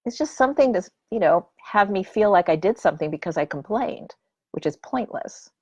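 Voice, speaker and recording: A woman giving a heartfelt personal talk on emotions, often dropping into soft whispers and then rising to emphatic intensity. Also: medium pitch, animated, a little fast, slightly rough, no room sound, highs cut off.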